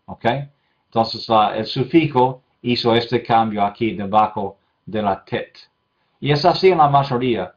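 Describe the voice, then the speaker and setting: A man's voice: medium pitch, lo-fi sound. A male Bible institute teacher giving a patient lecture on biblical Hebrew, repeating word forms, checking in with his students and correcting his own slips aloud.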